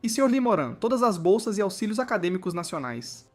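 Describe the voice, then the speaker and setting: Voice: mid-range voice, sing-song, fast, soft background music. A narrator voicing a fawning, eager older male school principal in a story recap. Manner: eager and ingratiating.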